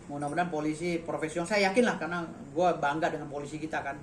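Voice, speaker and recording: A man's voice: a little high, fairly even intonation, rapid-fire. A man giving a heated press statement, blunt and insulting, with a habit of repeating a slang tag. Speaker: interviewee. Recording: echoey, faint background noise.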